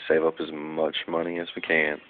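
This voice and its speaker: A man's voice: very deep voice, completely flat delivery, normal speed. A young man rambling casually in a vlog, full of fillers and losing his train of thought. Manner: rambling, loses track, many fillers. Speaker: vlogger. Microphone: phone. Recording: tinny phone recording with faint noise.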